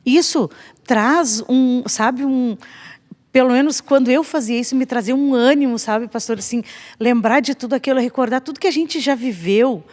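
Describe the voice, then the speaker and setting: A woman's voice: high-pitched, moderate pace, darkish tone. Brazilian woman, 50s, family ministry guest; friendly, chatty delivery with long reverb. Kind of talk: casual church podcast talk.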